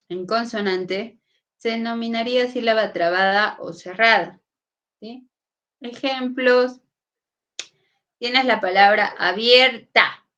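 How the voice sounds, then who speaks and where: A woman's voice: medium pitch, a bit bright. A woman teacher, giving a classroom lesson and often asking her students whether they follow. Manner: asks frequent checking questions.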